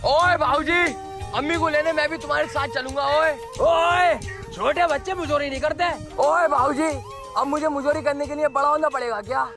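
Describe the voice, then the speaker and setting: A man playing a hot-tempered, swearing village father in a comic spoof, gruff and loud. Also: very high voice, steady tone, normal speed. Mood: coaxing. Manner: gruff threats and coaxing, loud calls. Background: music.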